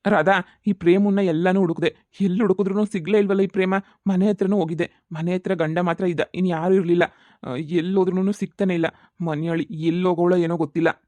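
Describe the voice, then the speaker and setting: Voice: medium pitch, fairly even intonation, fairly quick, a little mellow, dry recording, close to an everyday voice. A voice actor playing an exasperated man who refuses a marriage, in a cartoon comedy. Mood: worried.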